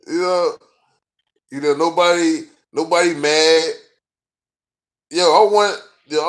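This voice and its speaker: A man vlogging as a sports fan, ranting in a profane, frustrated and rambling way, full of fillers. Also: on the high side. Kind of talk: casual rant to camera.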